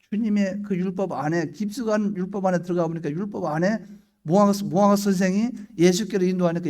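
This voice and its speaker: A middle-aged man preaching a sermon as pastor, moving between hushed prayer and loud questions to the congregation, acting out little scenes in his own voice. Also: sits high.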